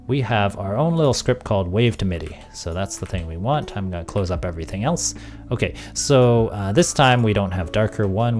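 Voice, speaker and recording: Low-voiced man muttering through a tech stream. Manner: thinking aloud, trailing off into quiet mutters. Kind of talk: casual tech livestream.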